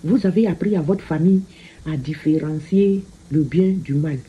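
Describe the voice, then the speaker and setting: A woman giving a casual card reading, slow and repetitive, often tagging her phrases with a questioning "hein?". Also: low voice, dull audio, slight background noise. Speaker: card reader.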